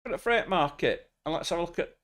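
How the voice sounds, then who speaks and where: A man's voice: a little high, lively intonation, quick pace, a bit bright. An English man streaming a truck driving game, chatting casually with crude, joking banter. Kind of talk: casual gaming chat.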